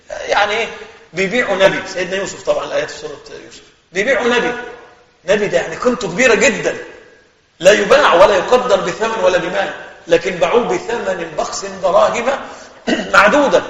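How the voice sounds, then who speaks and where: An Egyptian sheikh gives a religious lesson in a quick, high, animated voice, chatting straight to his listeners. His speech rings through a long, echoey hall. The recording sounds slightly muffled. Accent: Egyptian Arabic. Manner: conversational, animated storytelling, addresses listeners directly.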